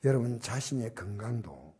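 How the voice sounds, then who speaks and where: Older male pastor for a church sermon; dark, husky voice, loud urging that drops to near-whispers. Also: mid-range voice, expressive, moderate pace. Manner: shifts from loud emphatic exhortation to soft, near-whispered asides. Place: church sanctuary.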